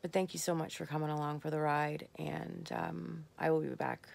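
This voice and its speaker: Woman, tired and slurring, gravelly fry, candid rambling vlog. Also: deep voice, steady tone. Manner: candid, rambling, with soft pauses. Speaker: vlogger. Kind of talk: late-night personal vlog.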